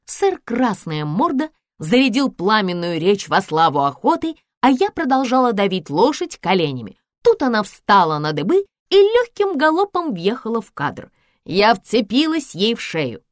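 A woman narrating a first-person audiobook in an expressive, wry, conversational manner. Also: medium pitch, normal speed, no echo, clean studio sound. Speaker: audiobook reader.

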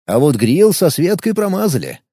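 A man narrating an audiobook with animated, expressive storytelling. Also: on the high side, normal speed, slightly rough, no room sound, studio quality.

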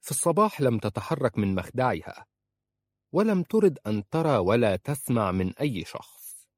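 A man narrating a novel in a measured, sober storytelling voice. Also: medium pitch, very animated, no echo, clean studio sound. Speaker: audiobook narrator.

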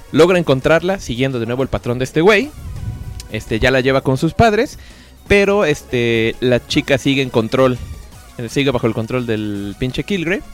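A Mexican man hosts a podcast in a loose, slangy chat, his pitch bouncing all over as he acts out quotes. A soft music bed sits under his voice. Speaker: podcast host. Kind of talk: casual slangy review chat.

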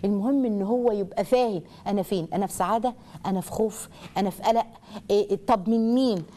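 A woman with an Egyptian accent hosting a parenting show, giving lively advice and acting out what children and parents say. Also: mid-range voice, fast talker. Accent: Egyptian Arabic. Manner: animated, acts out children's and parents' lines. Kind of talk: lively advice talk to viewers.

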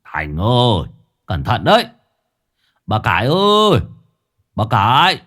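A man's voice: medium pitch, very animated, moderate pace, husky. A man voicing an older, absent-minded father who calls down from a balcony in a ghost story reading. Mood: calling down. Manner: calling down from a balcony.

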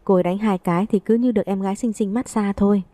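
A woman's voice: medium pitch, steady tone, fast talker, dark tone, dry recording, lightly acted. A woman reading the lines of a cheeky, joking young man in an audiobook, with a playful teasing manner.

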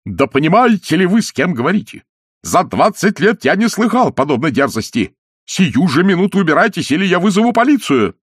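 A man voicing a pompous older colonial official who blusters and shouts in indignation. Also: medium pitch, animated, normal speed, no room sound, studio quality, lightly acted. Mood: outraged.

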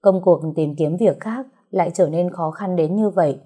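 A woman narrating a story in a steady, brisk reading style. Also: on the low side, husky. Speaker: audiobook narrator.

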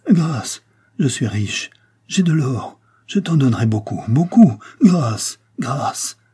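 A man voicing a cowardly traitor who stammers and pleads in a higher, strained voice. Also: lively intonation, moderate pace, warm tone, husky. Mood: begging. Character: cowardly male traitor begging for his life.

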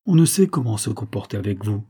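A man reading an audiobook, voicing a brutal, raging middle-aged nobleman count who blusters loudly. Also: on the low side, sing-song, quick pace, slightly rough, full character voice. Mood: feigned gentleness. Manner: loud and blustering.

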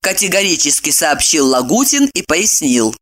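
An audiobook reader narrating a comic story with lively, playful irony. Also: medium pitch, normal speed.

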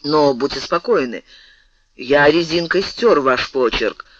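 A man voicing a huge, good-natured male giant with a gruff, booming voice. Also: animated, unhurried, fairly bright tone, dull audio. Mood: grumbling.

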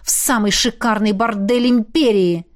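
A woman's voice: medium pitch, normal speed, close to an everyday voice. A woman reading the part of a jealous, hot-tempered young male shapeshifter who growls and sneers. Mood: sneering.

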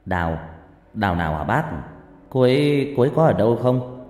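A man's voice: mid-range voice, sing-song, fairly quick, a little mellow, lightly acted. A man doing a polite young policeman. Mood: confused. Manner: earnest, reassuring. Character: young male police officer, polite and calming. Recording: echoey, long reverb, music behind.

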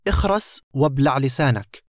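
A man's voice: medium pitch, expressive, normal speed, dry recording, studio quality, lightly acted. A man voicing a sneering, menacing burglar. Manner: mocking, threatening. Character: sarcastic menacing male burglar, boastful.

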